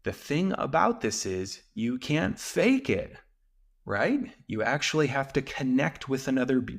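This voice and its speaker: A man hosting a solo talk show, calmly explaining ideas and slowing down to stress key points. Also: medium pitch, gravelly. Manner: calm and explanatory, with slow emphatic stretches. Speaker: podcast host and men's coach.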